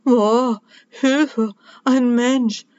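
A woman's voice: fairly high pitch, lively intonation, moderate pace, no echo, lightly acted. A woman voicing a small, frightened male Christmas elf who is a royal cook, whining and fretting as he talks, in a dull, dry recording. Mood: frightened wailing. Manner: whiny, fretful, jumpy.

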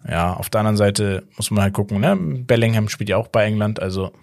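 A young man co-hosting a casual football podcast in a relaxed, agreeable back-and-forth. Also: on the low side, quick pace, vocal fry, dry recording, clean studio sound. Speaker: podcast co-host.

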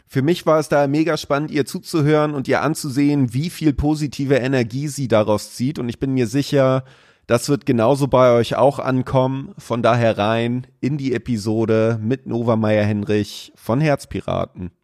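A man's voice: mid-range voice, moderate pace, a little mellow, no room sound. Casual male podcast host, dry close sound. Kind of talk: casual conversational interviewing.

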